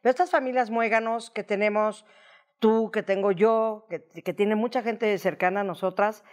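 A woman's voice: medium pitch, fairly even intonation, moderate pace, darkish tone. A middle-aged woman, hosting a casual interview, prompting her guest with chatty asides. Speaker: interview host.

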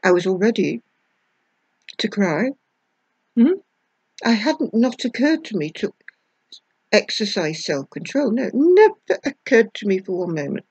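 A woman's voice: mid-range voice, sing-song, measured pace, pauses often, a little mellow, husky, no echo. An older woman from the United Kingdom, a former nurse, giving advice straight to the viewer in a theatrical, emphatic way, sometimes mimicking tearful voices. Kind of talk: direct-to-camera advice monologue. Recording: dull lo-fi dry recording.

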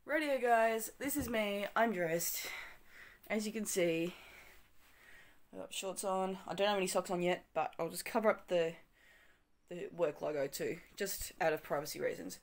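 A young Australian woman vlogs her morning at home, talking into her phone camera, handheld or propped up, in a small bedroom. Her medium-pitched, slightly croaky voice moves at normal speed as she chats, rambles and corrects herself with frequent ums in this casual day-in-the-life video.

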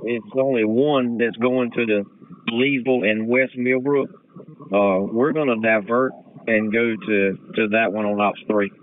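A man's voice: mid-range voice, fairly even intonation, unhurried. Man calling units over radio. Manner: clipped radio call signs and replies. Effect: two-way radio transmission. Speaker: fire engine crew officer. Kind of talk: terse fire radio traffic. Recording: tinny two-way radio with hiss.

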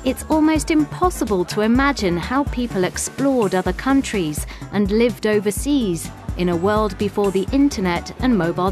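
A woman reading scripted documentary narration in a measured, clearly enunciated way. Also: fairly high pitch. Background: background music.

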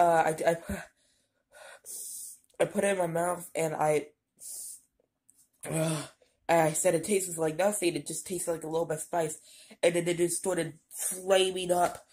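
Lady vlogging through burning pepper pain, low-ish breathy voice, stammers a lot. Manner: halting, stammering, many fillers. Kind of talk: casual vlog.

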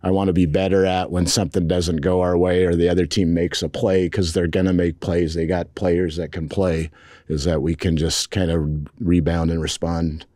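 Low-voiced middle-aged coach at presser. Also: male voice, level tone, dark tone, no room sound, clean studio sound. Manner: measured, frank, with many restarts and fillers. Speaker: head football coach. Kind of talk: post-game press conference. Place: press conference room. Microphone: table mics in front.

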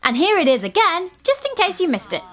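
A woman's voice: very high-pitched, huge pitch swings, brisk, background noise. A woman narrating a travel vlog as a voice-over. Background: music.

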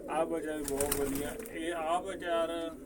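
A man's voice: fairly high pitch, level tone, a little slow. Punjabi-accented man chatting over cooing pigeons. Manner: informal, calls viewers brother, banters with helpers. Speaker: pigeon keeper and vlog host. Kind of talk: casual running commentary to camera. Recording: clear background noise, cooing pigeons.

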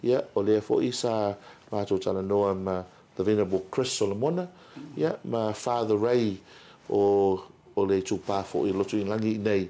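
A middle-aged man with a Samoan accent, talking casually as an interview guest, with frequent pauses and repeats. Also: fairly low pitch, warm tone. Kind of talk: casual interview talk, mixing Samoan and English. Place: indoor interview set.

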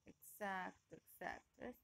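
A woman's voice: mid-range voice, slow, gravelly, fairly bright tone. A woman teaching an online class, patiently prompting her students and coaxing them to answer. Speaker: English teacher.

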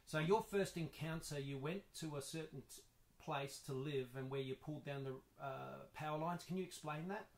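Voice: medium pitch, moderate pace. An interviewer talking casually, asking questions attentively and echoing the answers back. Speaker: interviewer, grandchild of the guest.

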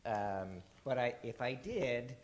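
A man in his thirties in a conference room asking a question through a handheld mic, hesitant with many pauses and fillers. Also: mid-range voice, lively intonation. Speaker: audience member asking a question.

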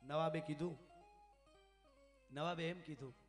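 A man telling a folk story live, swinging from soft asides to loud declaiming. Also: on the high side, steady tone, unhurried, soft background music. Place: live family function.

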